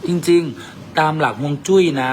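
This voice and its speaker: A man's voice: on the high side, a little slow. A man with an Isan Thai accent hosts a vlog, trading boisterous, teasing banter in a cafe. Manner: teasing, boisterous, mixes in dialect. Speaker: vlog host. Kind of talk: casual joking banter. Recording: noisy cafe ambience.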